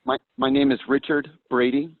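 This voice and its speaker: A man's voice: mid-range voice, very animated, normal speed, gravelly, a little hiss or hum. A man speaking over a phone line as a defendant in a court hearing, hesitant and stammering, repeating his words as he answers the judge. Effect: heard over a phone line. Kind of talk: casual speech addressing a judge. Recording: tinny, dry phone-line audio.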